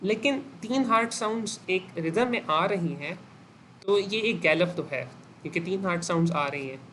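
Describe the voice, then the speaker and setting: A man's voice: high-pitched, expressive, normal speed, bright, forceful tone, a little hiss or hum. A man with a Pakistani Urdu accent giving a medical class lecture. He quizzes the students and echoes their answers, and he mixes English medical terms into his speech. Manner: asks students questions and repeats their answers.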